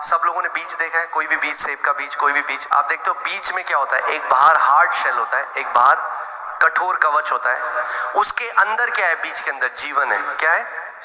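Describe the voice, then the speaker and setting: A man's voice: on the high side, moderate pace, pushed and bright. A man preaching a sermon as pastor, blunt and direct, calling out questions to the congregation. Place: church hall. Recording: echoey hall, long reverb.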